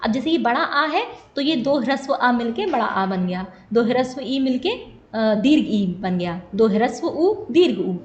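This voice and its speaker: A woman's voice: on the high side, lively intonation, echoey room, dull audio. A woman teaching an exam-prep lesson, explaining step by step, asking questions and answering them herself, and checking in with the students again and again. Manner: explains slowly, asks and answers her own questions, repeats "ठीक है ना". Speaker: Sanskrit teacher.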